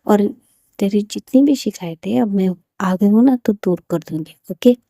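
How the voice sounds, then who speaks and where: A woman voicing a caring older sister who calms and reassures her sibling. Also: mid-range voice, moderate pace, dry recording, studio quality, natural voice. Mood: soothing. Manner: soothing, reassuring. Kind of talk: storybook character voice.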